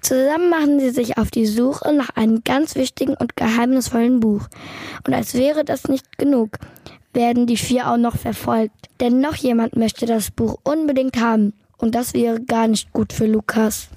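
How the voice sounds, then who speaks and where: Husky-voiced woman introducing a book. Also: a little high, steady tone, moderate pace, dark tone, dry recording.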